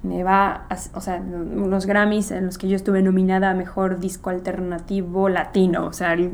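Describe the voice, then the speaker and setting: A guest musician from Mexico, a woman with a Mexican Spanish accent whose first language is English, chats in a casual interview, telling rambling stories full of fillers. Her voice is on the low side and a little mellow, with a flat delivery at a moderate pace.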